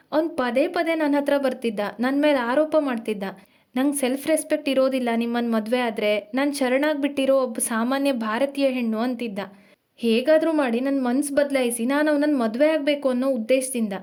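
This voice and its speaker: A woman's voice: high-pitched, fairly quick, darkish tone, natural voice. A woman voicing a young woman who hurriedly confesses a painful secret to her partner, strained and pleading. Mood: tense.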